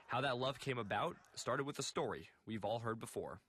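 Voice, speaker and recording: A young man reading a scripted television news report in a measured way. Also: medium pitch, expressive, a bit bright. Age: young adult.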